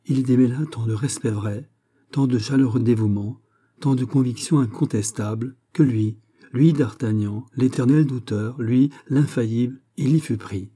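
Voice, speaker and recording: A man narrating a classic novel as an audiobook, measured and even. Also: mid-range voice.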